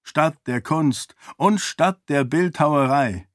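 An earnest young prince pleads and persuades, as a man reading the book voices him. His voice lifts higher as he argues. The sound is dry and close. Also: slow, dry recording. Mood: urgent persuasion.

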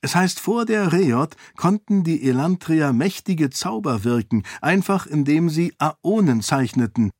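A man voicing a curious, eager young man in an audiobook reading, speaking excitedly and with energy. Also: fairly high pitch, a little slow, hardly any pauses, no room sound, clean studio sound, pitched above the performer's own voice.

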